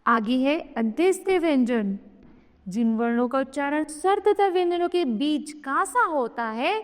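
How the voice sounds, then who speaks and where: A woman teacher explaining a grammar lesson to children, slowly and patiently, checking in with the class as she goes. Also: high voice. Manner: slow, explanatory, checks in with "theek hai". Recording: long reverb.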